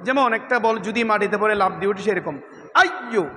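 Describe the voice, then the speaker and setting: A man teaching Quran recitation, chanting verses slowly and then explaining the pronunciation quickly while repeating sounds for his students. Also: high voice, sharp tone, big-room sound, slight background noise. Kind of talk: tajweed lesson with chanted recitation.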